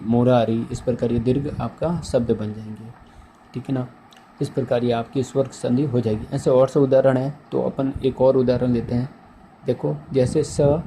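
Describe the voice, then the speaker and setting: A man's voice: medium pitch, dark tone, slight background noise, rough recording. A man teaching a grammar lesson, who repeats each word and keeps asking his students questions. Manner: slow, repeats words and asks the class questions. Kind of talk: slow, repetitive grammar lesson.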